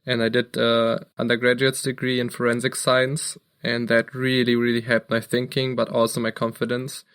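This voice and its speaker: This young German man co-hosts a podcast, talking earnestly about his background in a casual chat. His smooth, mid-range voice moves at a moderate pace, steady overall, with the occasional restart.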